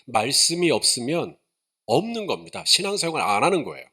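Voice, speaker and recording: Bright-voiced Korean pastor, lively preaching. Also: male voice, medium pitch, a little fast, breathy edge. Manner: conversational, asks the congregation questions, rises to emphatic preaching. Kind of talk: sermon.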